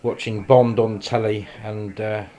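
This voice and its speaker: Filming a casual vlog on a handheld camera, an English man talks informally as an amateur radio operator from the small indoor radio shack in his home. He speaks a little slowly in a low-ish, dark voice with a flat delivery, and faint noise can be heard.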